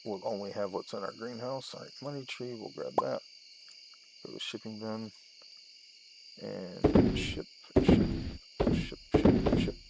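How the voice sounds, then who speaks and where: Heavy background noise surrounds a gaming video host whose fairly low voice carries vocal fry. He speaks unhurriedly and pauses often, giving casual let's-play commentary as he narrates his steps in short phrases that trail off.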